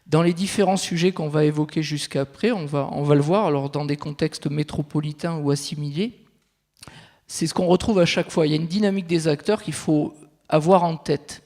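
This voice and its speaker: In a big, reverberant conference venue, this territorial consultant walks the audience through his points one step at a time. He speaks fairly quickly in a steady, darkish voice that sits on the high side. Long reverb fills the echoey hall.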